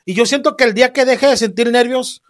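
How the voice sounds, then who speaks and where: A comedian hosting a casual interview, animated and profane, acting out stories as he talks. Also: extremely high pitch, fairly quick. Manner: animated, profane, acts out his own nerves. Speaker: host, comedian and singer.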